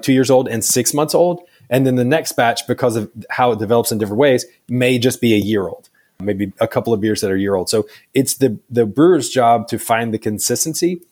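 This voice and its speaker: A man's voice: mid-range voice, darkish tone. A man answering interview questions about his brewery in a loose, chatty way, full of fillers. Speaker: brewery staff guest.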